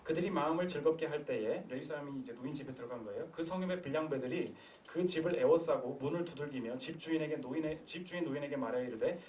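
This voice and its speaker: Animated young male preacher, echoey church. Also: fairly high pitch, fast, hardly any pauses, a little hiss or hum. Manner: animated storytelling with acted quotes and rhetorical questions. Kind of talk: sermon. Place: church sanctuary. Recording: echoey room from a distance.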